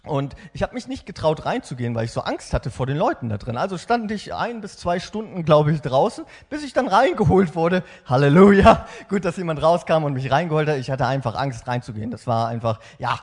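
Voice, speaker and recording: Young man, upbeat casual sermon, high voice swinging up and down. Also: a little fast, few pauses, husky. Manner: lively, animated, chatty asides with frequent "ja?". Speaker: preacher. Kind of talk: sermon with dramatic Bible reading.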